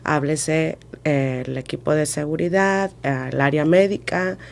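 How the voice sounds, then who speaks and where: Female guest consultant, low voice, methodical step-by-step explanations. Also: steady tone, a little slow, creaky. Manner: methodical, lists steps. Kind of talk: explanatory podcast talk.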